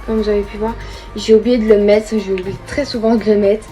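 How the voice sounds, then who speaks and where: A woman's voice: medium pitch, flat delivery, brisk, warm tone, soft background music, rough recording. Chatty young woman doing makeup. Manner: chatty, informal, thinking aloud while she works. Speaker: beauty vlogger. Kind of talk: casual makeup tutorial chat.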